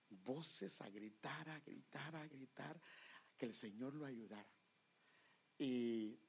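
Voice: medium pitch, darkish tone, slightly rough. A preacher gives a sermon in a church, acting out the cries of Bible figures.

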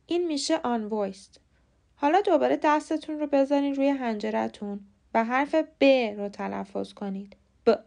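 Woman, podcast host, slightly high pitch, patient, clear scripted lesson delivery. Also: darkish tone. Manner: clear, patient step-by-step instruction. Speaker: podcast host teaching English pronunciation.

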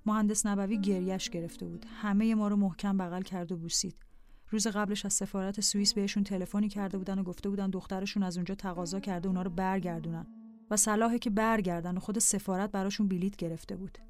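A woman narrating a personal diary in a calm, scripted reading voice over faint music. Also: mid-range voice.

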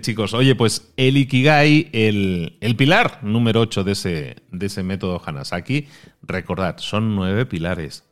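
A man hosting a podcast, talking in a relaxed, chatty way and often adding little tag questions. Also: deep voice. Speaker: podcast host. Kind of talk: casual podcast conversation.

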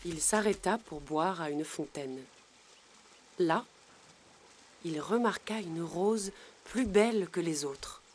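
A woman reading a children's storybook aloud in a gentle, measured storytelling voice. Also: on the low side, breathy edge. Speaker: narrator. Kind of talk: scripted storybook narration.

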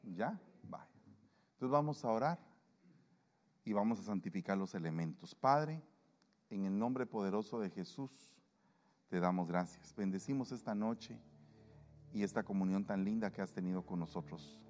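A male pastor preaching to his congregation and leading communion, lively and acting out the voices of people he quotes. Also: on the low side, moderate pace, pauses often, big-room sound, dull audio. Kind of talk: sermon and communion prayer. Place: church.

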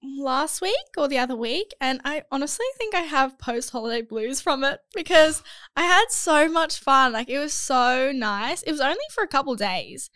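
A woman's voice: sits high, expressive, moderate pace, a bit bright, no room sound, clean studio sound. A young woman, co-hosting a casual chat podcast and sounding congested from a cold. She chats and often trails off and restarts her sentences. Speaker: podcast co-host.

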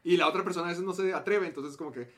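A man's voice: high voice, racing, fairly bright tone. A young man with a Mexican accent co-hosting a casual podcast, playful and teasing, laughing often. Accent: Mexican Spanish. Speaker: podcast co-host. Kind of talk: casual live-stream chat.

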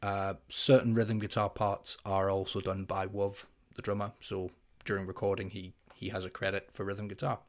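A man in his thirties with a deep voice, co-hosting a casual music podcast. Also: flat delivery, normal speed. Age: 30s. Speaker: podcast co-host.

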